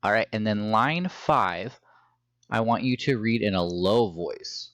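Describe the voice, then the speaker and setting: Slow, patient man teaching phonics. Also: on the low side, fairly bright tone, no room sound. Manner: slow, patient, encouraging classroom instruction. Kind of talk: phonics lesson for young children.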